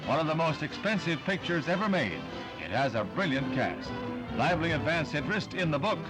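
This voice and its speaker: High, lively old newsreel announcer man. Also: fairly quick, rough recording. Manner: declamatory, showy announcer delivery. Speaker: newsreel narrator. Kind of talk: old newsreel narration, scripted. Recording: vintage newsreel soundtrack under loud music.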